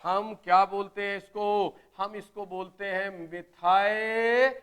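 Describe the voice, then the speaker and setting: A man teaching chemistry in a live online class, explaining step by step and urging students to answer quickly in the chat. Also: high voice, monotone, a bit bright, clean tone. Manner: explains step by step, often asks "right?".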